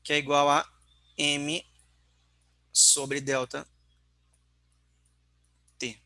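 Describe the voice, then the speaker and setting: A man's voice: on the high side, monotone, very slow, pushed and bright, dry recording. A man teaching an online physics class, working through calculations step by step and often checking in with his students.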